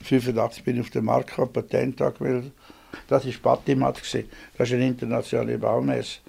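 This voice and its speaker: An old man in his eighties speaks with a Swiss German accent, recalling his past in a rambling, plain-spoken interview. His voice is heavily gravelly and husky. He sits in a small home office. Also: medium pitch, little pitch movement, quick pace, darkish tone. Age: 80s. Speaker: inventor interviewed. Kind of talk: reminiscing interview.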